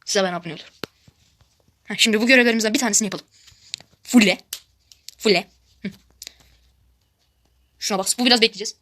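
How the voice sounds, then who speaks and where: A woman giving casual gameplay commentary as a YouTuber, excitable and shrieking when frustrated. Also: medium pitch, fast talker, pauses often. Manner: excitable, repeatedly addresses viewers as friends. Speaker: gaming YouTuber.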